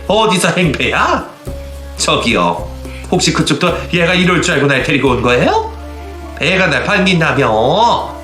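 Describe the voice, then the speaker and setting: A man's voice: high voice, bright, forceful tone, pitched above the performer's own voice. A man voicing a scornful, cold middle-aged birth mother who talks with contempt in a radio-story reading. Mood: indignant. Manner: sneering, contemptuous. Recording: roomy echo, faint background music.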